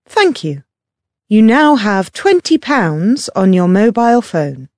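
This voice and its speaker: A polite phone menu voice, acted by a woman reading out helpline options. She is slow and measured, with a lively lilt and clear enunciation, recorded dry and close. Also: mid-range voice, no echo. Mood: polite, instructive.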